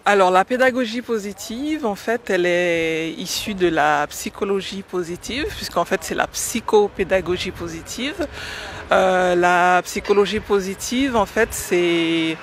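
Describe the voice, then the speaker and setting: A woman from French Guiana in her forties, answering radio interview questions about teaching with hesitant pauses and many fillers. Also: medium pitch, slight background noise. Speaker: guest, educator.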